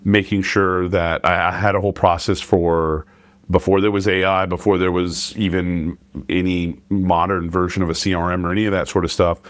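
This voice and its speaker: A man's voice: deep voice, little pitch movement, normal speed, dry recording. A middle-aged man hosting a podcast, talking in a thoughtful, hesitant way in a casual interview. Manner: hesitant, many fillers and restarts, thoughtful. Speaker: podcast host.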